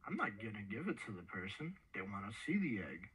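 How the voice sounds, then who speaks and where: A man's voice: lowish voice, very animated, fast, a bit bright, breathy edge, rough recording. A man playing a tabletop game, moving casually between table talk and in-character lines.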